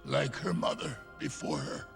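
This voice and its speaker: A solemn old king, speaking gravely with a deeply gravelly voice over a film score. The slow, weighty lines suit an animated film. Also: music in the background, full character voice.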